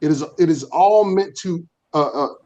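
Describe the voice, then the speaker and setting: A man speaking earnestly in a virtual panel discussion, pausing often with fillers and restarting his sentences. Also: on the high side, warm tone, poor audio. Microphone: video call.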